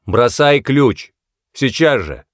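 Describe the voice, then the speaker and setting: A man reading the part of a commanding male police lieutenant who barks loud, clipped orders in an audiobook. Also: medium pitch, animated, normal speed, dry recording, studio quality, voice pushed up, close to an everyday voice.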